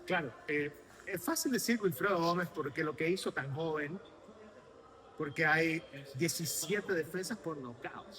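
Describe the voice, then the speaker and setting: Man, interviewer, bright tense voice, slightly high. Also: measured pace. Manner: lively, promotional, asks long questions. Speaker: interviewer host. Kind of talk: sports interview.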